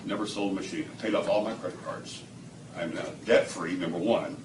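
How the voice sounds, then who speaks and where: A man with a deep voice speaks fairly quickly, giving a storytelling testimonial at a product demo before a small indoor audience. He dramatizes the quoted dialogue and laughs a lot. Sound is distant and echoey, with background noise present.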